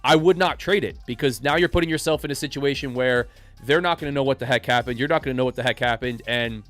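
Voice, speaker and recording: A man's voice: medium pitch, quick pace, fairly bright tone, faint music behind. A man hosting a live day-trading stream, sick with a cold and sounding nasal, chatting casually and greeting viewers by name. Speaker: day trading livestream host.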